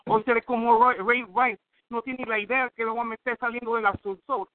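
A man's voice: extremely high pitch, little pitch movement, a little fast, no echo. A man from Northern California spitting boastful, aggressive insult rhymes in a rap battle over the phone. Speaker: battle rapper. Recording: tinny dry phone line.

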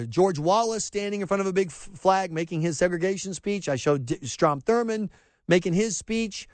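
A man's voice: high-pitched, no room sound. A middle-aged man from rural South Carolina hosting a talk radio show, delivering an impassioned opinion monologue with frequent restarts and mocking asides. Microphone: close studio mic, dry.

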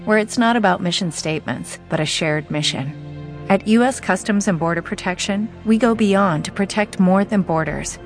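Polished woman reading an ad. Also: mid-range voice. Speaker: ad announcer. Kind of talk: scripted recruitment ad. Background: music bed.

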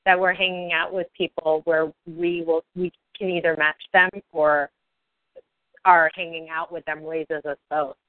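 A woman's voice: low voice, level tone, unhurried, no room sound. A woman on a group phone call, encouraging and affirming the others. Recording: tinny phone line, dry.

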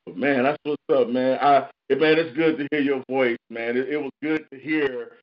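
A man's voice: mid-range voice, steady tone, moderate pace, muffled recording. Laid-back, profane man hosting a call-in show. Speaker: radio show host. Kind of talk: casual call-in show talk.

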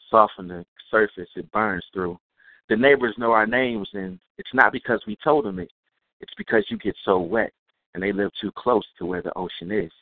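Man performing spoken-word poetry. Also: lowish voice. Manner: rhythmic, rhyming delivery. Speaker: guest poet. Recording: dry, tinny phone-like sound.

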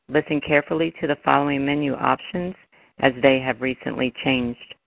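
A man reading a scripted phone menu announcement in a measured, formal way, reciting options. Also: mid-range voice, gravelly, no echo. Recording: tinny, narrow phone line.

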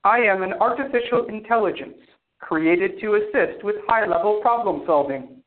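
A man's voice: sits high, animated, normal speed. A man voicing a cold, formal male artificial intelligence that speaks precisely and without emotion. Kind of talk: audio drama acting. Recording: tinny phone-like sound.

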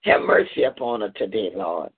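A man prays fervently and rhythmically, his pitch swinging widely as he rises on each plea and drops on every "Lord". The sound comes through a thin, tinny phone line. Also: sing-song, moderate pace, vocal fry, breathy edge. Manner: fervent, rhythmic, repeating "Lord" and "in the name of Jesus". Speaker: prayer leader. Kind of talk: intercessory prayer.

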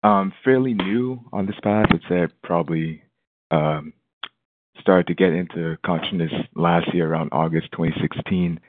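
Deep-voiced male radio show caller on a phone line. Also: normal speed, background noise. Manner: speaking softly and hesitantly. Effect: caller heard over a phone line. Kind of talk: call-in question on a talk show.

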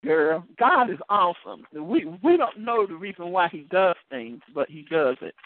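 High, lively-voiced evangelist over a phone line. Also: male voice, normal speed, dry recording. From United States. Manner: animated storytelling with many word repeats and laughs. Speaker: evangelist hosting a call-in deliverance show. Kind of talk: testimony told to a caller. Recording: tinny phone line, dry.

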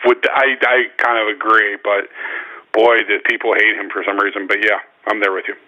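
A man's voice: lowish voice, flat delivery, fairly quick, pushed and bright, dull audio. A man on a sports podcast who chimes in with short, agreeable remarks. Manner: brief, agreeable interjections. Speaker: podcast panelist. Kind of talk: casual sports podcast chat.

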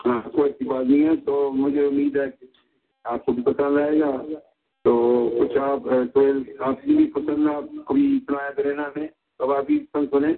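A man's voice: on the high side, lively intonation, a little slow, vocal fry, faint music behind. A man calling in to a radio show on a phone on speaker, his voice coming through with an echo. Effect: echoing speakerphone audio. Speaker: radio call-in caller. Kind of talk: casual phone chat. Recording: tinny echoing phone line.

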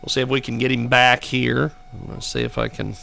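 Gravelly, bright-voiced man hosting live. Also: mid-range voice, little pitch movement, a little fast, slight background noise. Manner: joking, sarcastic about technical trouble. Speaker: radio show host. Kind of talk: casual live broadcast talk.

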